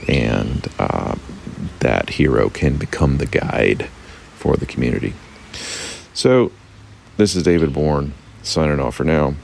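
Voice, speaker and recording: A male podcast host delivers a scripted outro. His delivery is deliberate and measured, each phrase set out with care. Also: rumbling low, lively intonation, creaky, a little mellow, a little hiss or hum.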